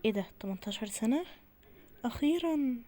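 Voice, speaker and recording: A sheltered teenage girl with an Egyptian lilt, voiced by a woman rushes her words along in a game role-play. Her tone is mellow and a little dark, and she keeps talking herself through what to do. She is insistent and stubborn with her mother. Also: a little high, animated, close to an everyday voice. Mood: eager. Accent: Egyptian Arabic. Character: teen girl kept indoors, eager, then frightened.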